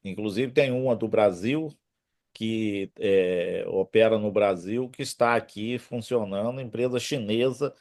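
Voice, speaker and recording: A man's voice: on the low side, a little mellow. A Brazilian man hosting a casual group call as a professor, talking through a trade fair visit with frequent restarts. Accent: Brazilian Portuguese. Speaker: host, professor leading a retail trade delegation.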